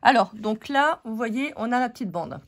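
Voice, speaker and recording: A woman's voice: on the high side, expressive, normal speed. A woman hosting a casual card-making tutorial, joking and teasing her viewers as she works.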